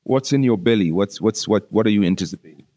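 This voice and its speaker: A fast-talking podcast host with a low, mellow voice interviews a musician in a casual, conversational way. He uses slangy, familiar address like "bro."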